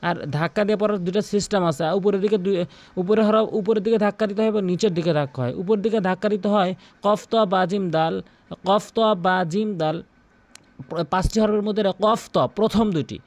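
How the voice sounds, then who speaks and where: High-voiced man teaching Quran pronunciation. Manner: repeats sounds slowly for the listener to practise; stretches out chanted recitation in a drawn-out melodic voice. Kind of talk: pronunciation lesson.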